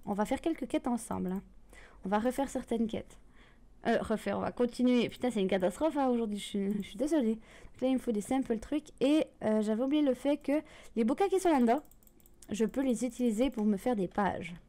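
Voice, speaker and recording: Chatty woman, mellow and high. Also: brisk. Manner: chatty, self-correcting, mild swearing. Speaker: gaming video host. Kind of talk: casual gameplay commentary.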